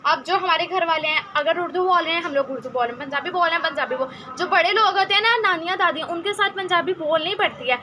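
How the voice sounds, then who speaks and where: A woman with a Pakistani Urdu accent teaching English in a casual online lesson, talking conversationally and slowly drilling sounds again and again. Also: extremely high pitch, pushed and bright, low-quality recording. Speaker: English tutor. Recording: faint background noise.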